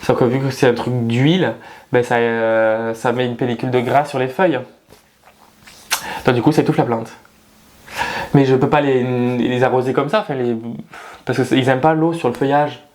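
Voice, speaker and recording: A man's voice: medium pitch, fairly even intonation, moderate pace, pauses often, a little mellow. A young man chatting casually indoors at home about his houseplants, swearing and grumbling, hot and sweaty. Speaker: plant vlogger. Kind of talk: casual chat.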